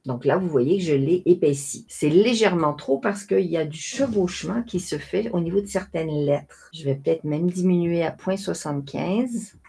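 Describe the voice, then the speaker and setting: A woman, explaining a design software tutorial step by step in a chatty way. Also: fairly low pitch, moderate pace, creaky, hardly any pauses, breathy edge. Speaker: craft software tutorial host. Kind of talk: screen-recorded tutorial narration.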